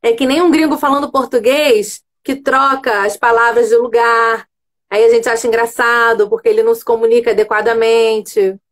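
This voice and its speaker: A woman's voice: on the high side, little pitch movement, normal speed. A woman hosting a casual live chat on a video call, making her points emphatically with rhetorical checks. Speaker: host.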